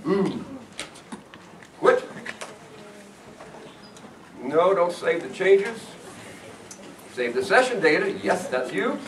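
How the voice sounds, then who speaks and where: High-voiced man lecturing in an echoey room. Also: very slow, pauses often, far from the mic, slight background noise. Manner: animated, playful, talks to students. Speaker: geology lecturer. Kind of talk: university lecture.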